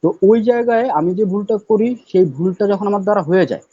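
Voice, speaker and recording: A man speaking as a guest poet on a live talk show, loud and emphatic, repeating words for stress. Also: high voice, fairly quick, breathy edge, no echo. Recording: dull, dry lo-fi audio.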